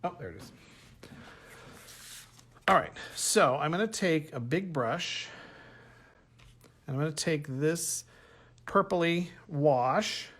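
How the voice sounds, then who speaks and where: A man with a fairly high, bright, expressive voice speaks slowly and pauses often. He's an art instructor leading a casual painting workshop from a table in his home art space, chatting, thinking aloud as he works, and correcting himself along the way.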